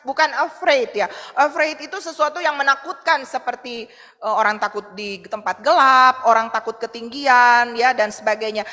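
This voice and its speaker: A woman pastor preaching a sermon in an animated way, acting out the voices she quotes. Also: high-pitched, big-room sound. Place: church hall.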